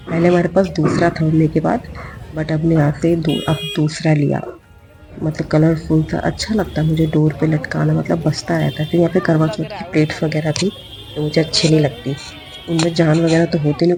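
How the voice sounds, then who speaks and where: A woman vlogger with a deep, hoarse voice chats casually in a voice-over about a shopping trip, repeating phrases for emphasis.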